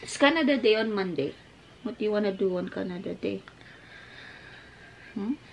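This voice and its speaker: A woman in her thirties from the Philippines, a mother chatting casually to her vlog audience, mixing English into her talk and cooing gently to her child. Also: mid-range voice, expressive, moderate pace, vocal fry, a little hiss or hum. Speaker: family vlogger, mother.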